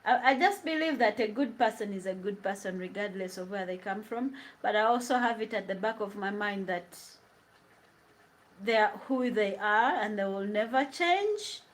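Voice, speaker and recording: A young woman with a Ugandan accent, speaking in an animated mid-range voice at a moderate pace, cooks in her home kitchen for her vlog. She reads out and responds to viewers' live comments in easygoing chat, laughing often and switching between English and Luganda.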